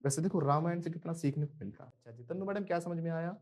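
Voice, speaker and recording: Playful, fairly high-voiced male teacher. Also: fast talker, darkish tone. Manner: playful and joking, calls on students by name, prompts repetition. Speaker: spoken English teacher. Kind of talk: live classroom teaching, mixing Hindi and English drills.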